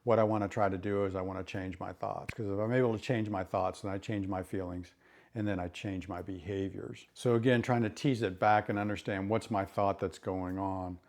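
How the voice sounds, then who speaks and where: A man's voice: deep voice, fairly even intonation, fairly quick, darkish tone. A middle-aged man, a therapist, explaining recovery ideas in an earnest way and often repeating words as he starts a thought. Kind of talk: educational talk to camera.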